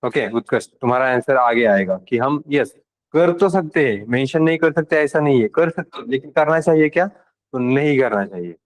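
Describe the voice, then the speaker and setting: A man leads a live programming lesson. He speaks at a middling pitch and addresses his students casually and directly, checking whether they are keeping up. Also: animated, moderate pace, rough recording. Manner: casual and direct with students, switching between Hindi and English terms. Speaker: programming instructor. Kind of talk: live classroom lecture.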